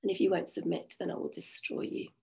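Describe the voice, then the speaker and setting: A man's voice: high-pitched, steady tone, fairly quick, gravelly, warm tone. A woman voicing a cruel, domineering king who speaks coldly and threateningly in a storybook tale. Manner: cold, threatening.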